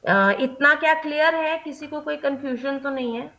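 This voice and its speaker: Young woman teaching a training class, kinda high voice, explains slowly and keeps asking if everyone gets it. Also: pushed and bright. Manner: explains step by step, checks often with trainees; mixes English terms into Hindi. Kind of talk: online training session.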